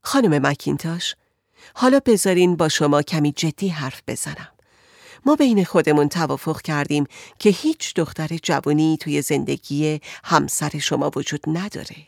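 A woman voicing a patient male doctor who speaks gently and reassuringly to a troubled patient in an audiobook. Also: sits low, animated, vocal fry, no echo, clean studio sound, voice pushed down, full character voice. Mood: soothing.

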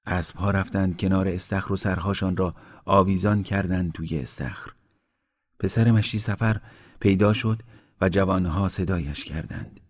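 A man reading a literary story aloud in a slow, measured narration that sinks quieter in grim passages. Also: sits low, steady tone.

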